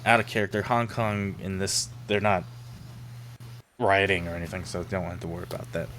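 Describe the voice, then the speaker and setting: A man's voice: deep voice, flat delivery, a little fast, fairly bright tone, slight background noise. A man running a tabletop game as game master, chatting casually with his players.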